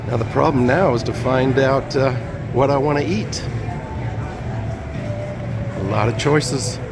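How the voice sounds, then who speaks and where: A man narrating a casual walking vlog with an easygoing, chatty way of thinking aloud, his voice still rough from the morning. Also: mid-range voice, unhurried, over loud music. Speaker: vlogger. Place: outdoor plazas and market.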